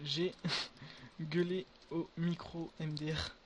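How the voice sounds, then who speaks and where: A young man giving casual gameplay commentary to his viewers, excitable and full of crude slang. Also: fairly high pitch, slow, a little hiss or hum. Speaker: gaming video creator.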